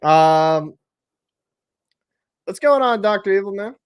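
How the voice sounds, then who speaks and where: Young male streamer, slightly high voice, casual rambling chat and play-by-play. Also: animated, takes it slowly, clean tone. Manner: chatty, joking, answers live chat, loose and rambling. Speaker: livestream host. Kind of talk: casual watch-party chat and commentary.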